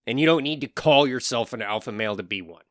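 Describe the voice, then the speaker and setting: A man's voice: mid-range voice, fast talker, a bit bright, dry recording, studio quality. A man hosting his own podcast, giving an earnest solo monologue with wry asides. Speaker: podcast host.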